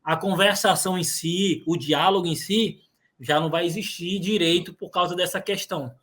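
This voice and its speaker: A man who is a guest in a casual podcast chat, talking in a calm, explanatory way. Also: sits high, normal speed.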